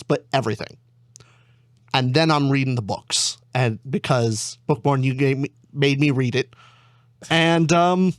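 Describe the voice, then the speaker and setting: A man's voice: fairly high pitch, dry recording, studio quality. A young man as a guest in a casual chat, telling stories in a wry, teasing way. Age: young adult.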